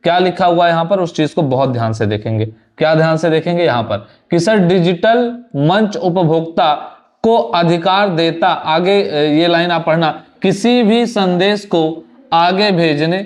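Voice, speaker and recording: A young man with a slightly higher voice runs through a student's exam answers. He speaks Hindi in a loose, conversational way and often repeats a word. English phrases keep turning up in his speech. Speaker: exam prep teacher. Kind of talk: Hindi lesson reviewing an answer sheet.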